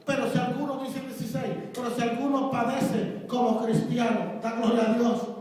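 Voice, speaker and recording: Impassioned preacher in an echoey hall. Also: male voice, extremely high pitch, little pitch movement, normal speed. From Mexico. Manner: impassioned preaching with sharp swings between loud and soft. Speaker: pastor. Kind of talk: sermon. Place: large church hall. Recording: echoey church hall from far off.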